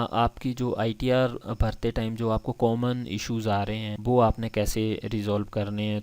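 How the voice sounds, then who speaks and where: A man's voice: lowish voice, clean tone, dry recording. A young adult man from India with a Himachali Hindi accent, walking steadily through tax filing steps in a tutorial. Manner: steady, methodical walkthrough of figures. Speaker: channel host explaining tax filing. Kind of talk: screen-recorded tutorial explanation.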